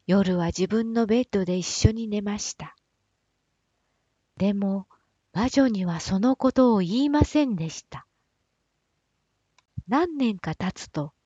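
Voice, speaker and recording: A woman reading a fairy tale aloud in a slow, gentle, breathy storybook manner. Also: fairly high pitch, no echo. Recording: dull, dry, slightly lo-fi recording.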